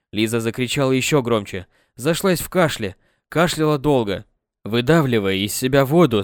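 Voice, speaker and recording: A man narrating an audiobook with an expressive reading on a close mic. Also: medium pitch, no echo.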